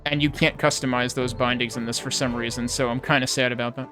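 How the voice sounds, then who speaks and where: A man's voice: medium pitch, little pitch movement, fast talker. Man critiquing a game over music. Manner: critical, analytical, thinking aloud. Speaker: video game player and commentator. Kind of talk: casual gameplay commentary.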